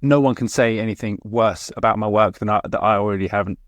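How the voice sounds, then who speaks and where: Low-voiced man, candid and reflective. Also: fast talker, no room sound. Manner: candid, reflective, with hesitant restarts. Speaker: podcast co-host. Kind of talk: casual podcast chat.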